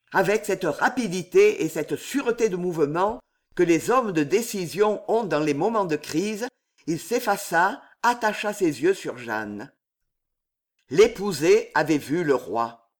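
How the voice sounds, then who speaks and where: A man narrating a novel as an audiobook in a slow, dramatic reading. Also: sits high.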